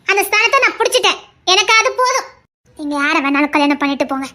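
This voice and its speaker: A woman's voice: extremely high pitch, animated, quick pace, sharp tone, full character voice. A woman voicing a stubborn, loving young wife in an audio drama, talking earnestly and insistently. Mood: devoted, pleading.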